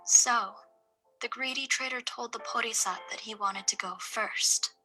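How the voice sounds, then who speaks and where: Storyteller: woman with a very bright, fairly high voice, reading a fable. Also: soft background music, low-quality recording. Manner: steady, measured storytelling. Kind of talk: reading a folk tale aloud.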